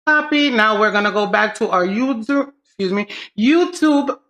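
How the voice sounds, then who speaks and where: Female beauty vlogger, higher-pitched and very bright, excited and gushing, delivering a hyped giveaway announcement. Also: moderate pace. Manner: excited, gushing, addresses viewers familiarly. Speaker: beauty channel host.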